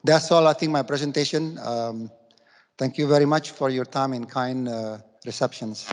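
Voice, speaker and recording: A man's voice: mid-range voice, normal speed. A man giving an investment presentation, hesitant with many fillers. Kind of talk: business presentation. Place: conference hall. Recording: reverberant conference hall.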